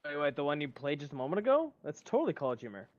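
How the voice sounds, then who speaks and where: A young man on game voice chat, slightly high-pitched and teasing, cracking jokes at his squad. The headset sound is dry and close, with no room around it. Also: sing-song, racing, dry recording, lo-fi sound, soft background music. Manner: teasing, joking. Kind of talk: casual gaming banter.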